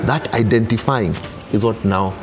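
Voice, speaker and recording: Speaking at a normal speed in a lowish voice over background noise, a gospel DJ from Kenya in his thirties is interviewed casually. He switches between English and Swahili, makes his points emphatically, and frequently checks that he's being followed.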